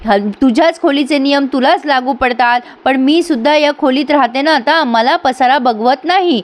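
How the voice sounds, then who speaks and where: A woman reading the lines of a quick-tempered young woman in a TV serial recap, scolding and arguing. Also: sits high, close to an everyday voice. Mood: retorting. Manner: scolding, argumentative. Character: young woman, sharp-tongued, quick to anger.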